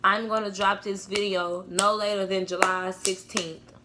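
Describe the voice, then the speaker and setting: A woman's voice: mid-range voice, level tone, moderate pace, noisy background. A young woman hosting a casual mukbang at home, chatting directly to her viewers.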